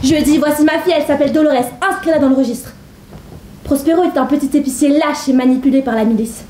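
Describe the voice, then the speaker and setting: A woman's voice: sits high, fast, warm tone, reverberant, lightly acted. A woman playing a weary, devoted mother. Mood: tender. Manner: tender, solemn storytelling. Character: weary devoted mother sending her daughter away. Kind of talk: live stage monologue.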